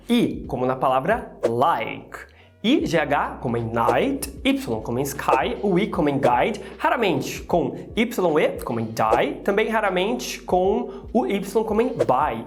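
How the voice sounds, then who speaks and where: A Brazilian woman teaching English pronunciation in a playful, chatty way, with exclamatory asides. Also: lowish voice. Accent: Brazilian Portuguese. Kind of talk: casual explanatory lesson.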